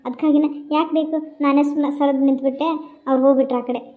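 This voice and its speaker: A woman voicing Radha, a chatty young office worker who talks too much, with a North Karnataka accent and rapid gossipy chatter. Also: sits high, fairly even intonation, phone-quality sound, lightly acted. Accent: North Karnataka Kannada.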